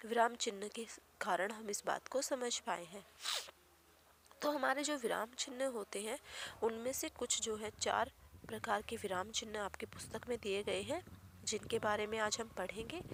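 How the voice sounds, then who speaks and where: Gravelly-voiced woman teaching young children. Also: on the high side, slight background noise. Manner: patient, repetitive explaining with frequent "ठीक है". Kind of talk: Hindi grammar lesson for children.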